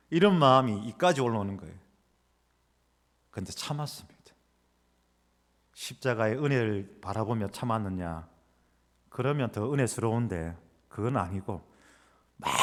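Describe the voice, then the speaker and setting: A male pastor preaching a sermon, telling a personal story with animated delivery and acting out the lines he quotes. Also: mid-range voice. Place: church sanctuary. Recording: long reverb of a church hall.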